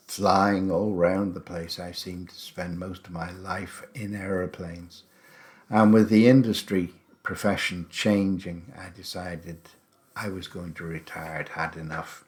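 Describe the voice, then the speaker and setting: This is a casual personal monologue from a podcast host in his seventies, an Englishman who teaches English. He wanders chattily through talk about himself and adds wry asides, in a low-pitched voice with a darkish tone.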